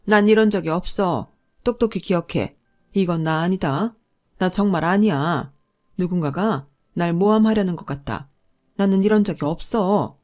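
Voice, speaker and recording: A woman's voice: mid-range voice, animated, moderate pace, hardly any pauses, dark tone, voice pushed up, natural voice. A woman voicing a stubborn, defiant older mother-in-law who insists on her innocence. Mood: indignant. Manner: indignant, insistent denials.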